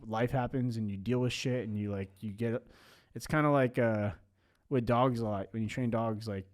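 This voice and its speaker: A man's voice: mid-range voice, steady tone, moderate pace, a little mellow. A man in his late twenties in a casual podcast chat. He rambles, full of "like" and restarts. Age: 20s.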